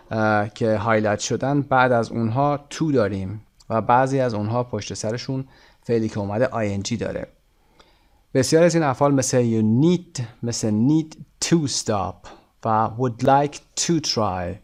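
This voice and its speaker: A man walks through an English coursebook lesson at an ordinary, mid-range pitch. He slows right down to read each English line deliberately. Then he switches to quick explanations. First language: Persian. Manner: reads English prompts slowly and deliberately, explains quickly in Persian. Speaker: English teacher. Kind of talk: textbook lesson, Persian explanations with slow English read-outs.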